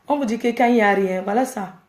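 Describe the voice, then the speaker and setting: A woman's voice: on the high side, fast talker, roomy sound. A woman ranting at her fans on a casual live stream, scolding and exasperated as she lectures her viewers. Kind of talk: casual Facebook live rant.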